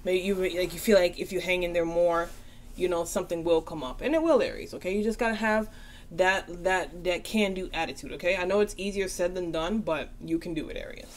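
A woman's voice: on the low side, fairly quick. A tired woman giving a casual tarot reading, chatty and reassuring, often checking in with "okay?". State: tired, yawning. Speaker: tarot reader.

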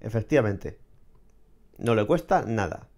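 A man's voice: fairly low pitch, expressive, a little slow, a little mellow. Blunt ranting man. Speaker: vlogger commenting on clips and AI tools. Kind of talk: casual commentary.

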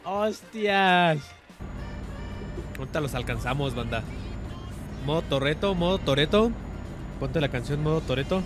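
Excitable young Mexican man streaming a driving game. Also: on the high side, measured pace, pauses often, over music. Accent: Mexican Spanish. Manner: joking, excitable outbursts with laughs. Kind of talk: casual gameplay commentary.

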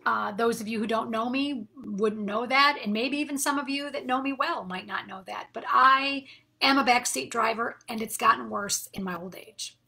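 A middle-aged woman giving an earnest Bible study talk, sometimes dropping to a soft half-whisper. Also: fairly high pitch, normal speed, vocal fry, breathy edge. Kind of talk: devotional teaching talk.

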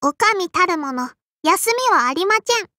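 A woman's voice: extremely high pitch, expressive, normal speed, sharp tone, dry recording, clean studio sound, full character voice. Beni-enma, a tiny lisping sparrow girl. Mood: prim, cheerful. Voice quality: childlike, lisping. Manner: polite and prim, with a cutesy verbal tic. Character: tiny sparrow girl innkeeper swordswoman, prim, strict, dutiful. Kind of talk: Japanese anime mobile game character voice lines.

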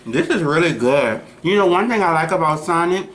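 A man's voice: on the high side, lively intonation, a little fast, a bit bright, a little hiss or hum. A young man, joking around as co-host while he eats. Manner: laid-back and joking. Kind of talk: casual chat while eating.

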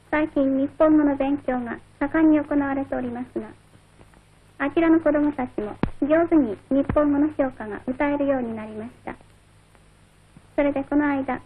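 A high-voiced woman announcer speaks briskly and with great courtesy, her voice squeezed thin as on a phone line. It comes from an old newsreel, with a faint hiss under it. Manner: very polite, honorific phrasing. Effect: old newsreel recording. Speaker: radio announcer. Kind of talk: formal children's radio broadcast. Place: broadcast studio.

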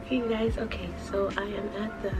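A young woman talking quietly to her phone in a clinic change room, keeping her voice low. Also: level tone, brisk, loud music behind the voice, rough recording. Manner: hushed, quiet talk. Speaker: vlogger. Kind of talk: casual vlog chat.

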